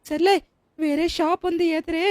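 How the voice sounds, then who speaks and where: A woman with a Telugu accent and a very high voice narrates and plays a kind heroine in a game-video dub. She talks in a lively, emphatic way, recorded dry and close. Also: moderate pace, dry recording. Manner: lively, emphatic, talking to herself. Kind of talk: dubbed game-video role-play.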